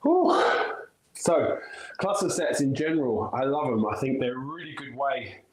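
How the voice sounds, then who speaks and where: A man in the middle of a workout talks through his sets in a loose, unscripted way, breathing hard and dropping the odd swear word. His voice sits at an ordinary middle pitch. The room around him rings with echo, like a large gym hall. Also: moderate pace, crowd noise. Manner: breathless, swearing, thinking aloud between sets. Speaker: personal trainer and coach. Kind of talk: casual workout walkthrough livestream.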